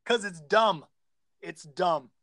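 A man's voice: high voice, takes it slowly, sharp tone, dry recording, clean studio sound. A man co-hosting a casual chat, teasing and stubbornly arguing his side. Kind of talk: casual banter.

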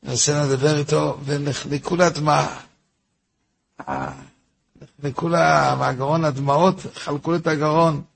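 A man's voice: a little high, fairly even intonation, vocal fry, long pauses, a bit bright, a little hiss or hum. A man, a rabbi giving a weekly Torah lesson, tells a story in a repetitive way, asks himself rhetorical questions and turns to his listeners with informal asides.

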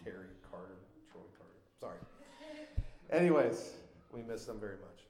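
A man with a Minnesotan accent preaching a sermon as pastor in a church, conversational and animated, with frequent asides. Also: on the low side, moderate pace, reverberant, poor audio. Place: church sanctuary.

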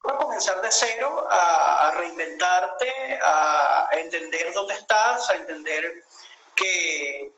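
A man's voice: on the high side, lively intonation, slow pace, creaky, sharp tone, echoey room, lo-fi sound, slight background noise. A man in his late thirties with a Venezuelan accent, a guest telling his story in a reflective way with many hesitations over a video call. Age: 30s. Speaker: interview guest.

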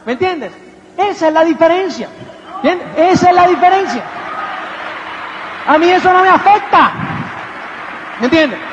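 A man with a very high voice gives a motivational seminar talk, peppering it with rhetorical questions and playful mimicry. His voice rings with a long hall echo, and the recording sounds dull and lo-fi, with a faint hiss behind it. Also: animated, moderate pace, pauses often. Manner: rhetorical, keeps asking "¿me entiendes?"; acts out little quoted voices and anecdotes. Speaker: motivational speaker.

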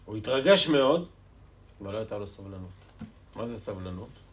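A man, a rabbi, giving a Torah lesson to a live audience with impassioned rhetorical questions that swing from hushed tones to loud emphasis. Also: on the low side, animated, slight background noise.

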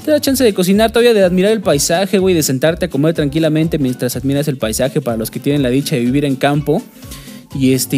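A man's voice: high voice, darkish tone. A man from Mexico City with a chilango accent, chatting casually on a podcast, swearing and using lots of fillers. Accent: Mexico City Spanish. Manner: slangy, swears often, many fillers. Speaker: podcast host. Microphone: studio microphone.

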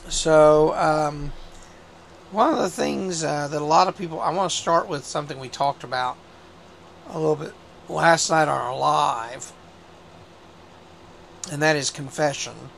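Hoarse male bishop host with a gravelly, higher voice and a laid-back delivery. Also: measured pace, pauses often, slight background noise. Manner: relaxed, conversational, with frequent fillers. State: hoarse from a cold. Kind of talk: casual religious talk show.

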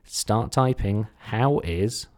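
Male podcast host, deep voice, light Suffolk accent. Chatty, informal explainer with self-deprecating asides. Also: expressive, slow, darkish tone. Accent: slight Suffolk English. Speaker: podcast host, content marketer. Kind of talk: casual instructional talk, solo podcast.

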